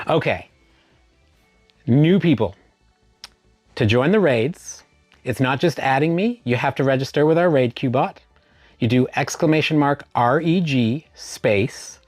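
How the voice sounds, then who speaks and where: A man's voice: mid-range voice, dry recording. A man hosting a casual live stream, greeting viewers by name and spelling out chat commands.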